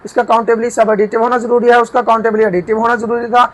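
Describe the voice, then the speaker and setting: High-voiced man teaching a math lesson. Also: flat delivery, fast talker, low-quality recording. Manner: explains step by step, repeats and asks himself questions. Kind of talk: whiteboard math lecture. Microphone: camera mic while writing.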